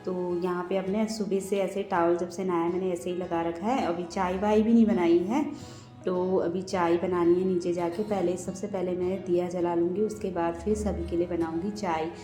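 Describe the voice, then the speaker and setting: A woman's voice: fairly low pitch, little pitch movement, moderate pace, mellow. A woman vlogger and mother giving a chatty, casual voice-over of her daily routine, often talking to viewers as friends. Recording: roomy echo with faint background music.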